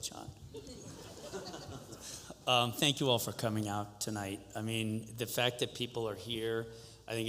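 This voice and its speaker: A man's voice: lowish voice, bright, forceful tone, slight background noise. A man from New Mexico with an American accent, giving an informal campaign speech as a political candidate. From New Mexico, United States. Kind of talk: informal campaign stump speech to a live room. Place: public forum in a hall. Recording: echoey hall with long reverb.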